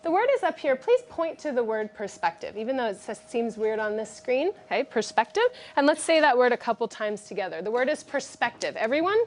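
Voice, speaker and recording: A woman teacher leading a classroom vocabulary lesson, speaking clearly and directively and praising her students often. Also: fairly high pitch, very animated, a little fast, few pauses, background noise.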